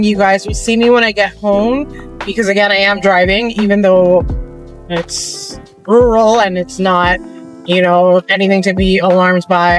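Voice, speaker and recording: Brief: woman vlogger, mid-range voice, chatty and rambling, talking to viewers on a phone at home. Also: medium pitch. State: a little out of breath at times. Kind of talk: casual vlog chat. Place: at home in a cluttered bedroom.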